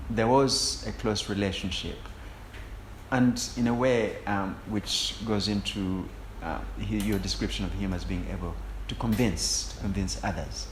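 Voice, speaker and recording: Low-voiced male interviewer in an echoey room. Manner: measured, wordy, pausing mid-sentence. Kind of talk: formal interview questioning. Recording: echoey room with faint noise.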